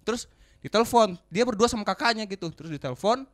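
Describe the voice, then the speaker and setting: A young man from West Sumatra telling a road story in slangy, animated podcast chat. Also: high voice, quick pace. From West Sumatra, Indonesia. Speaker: comedian podcast guest.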